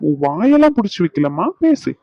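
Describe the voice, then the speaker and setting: A woman's voice: medium pitch, sing-song, brisk, mellow, lightly acted. A woman voicing a playful young husband in a cartoon, teasing and coaxing his wife. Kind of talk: cartoon voice acting. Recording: slightly dull, dry lo-fi sound.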